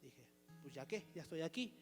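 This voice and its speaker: A man preaches a testimony sermon in a high, bright register, hammering home a repeated refrain and firing rhetorical questions at the congregation. His voice rings through a church hall with a long reverb tail. Soft guitar plays faintly underneath. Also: animated, moderate pace. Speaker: member of the pastoral team.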